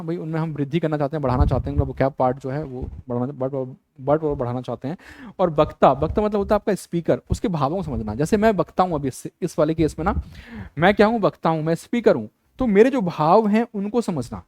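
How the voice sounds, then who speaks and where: A man's voice: on the high side, quick pace, a little mellow, dry recording. A man teaching an exam-prep class, casually mixing English words in and asking the class rhetorical questions as he repeats the key terms. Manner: casual, mixes English words into his speech.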